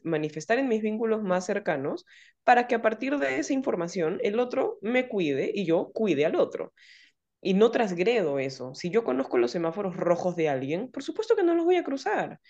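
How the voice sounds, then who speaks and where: A woman therapist speaks in a relaxed podcast conversation. Her voice sits at an ordinary middle pitch, and she often slips into quoted lines to show how people talk. The recording is slightly dull and muffled. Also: fairly quick. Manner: explanatory, acts out quoted dialogue in lively voices.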